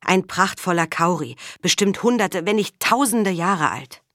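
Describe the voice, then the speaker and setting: A woman's voice: on the low side, lively intonation, measured pace, a bit bright, no room sound, clean studio sound. A woman reading the part of a firm, matter-of-fact man settling a land dispute.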